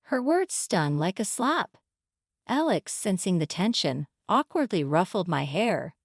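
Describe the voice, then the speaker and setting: A woman's voice: on the low side, very animated, unhurried, no room sound, clean studio sound. A woman reading a scripted first-person family drama in a dramatic storytelling manner. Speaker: narrator.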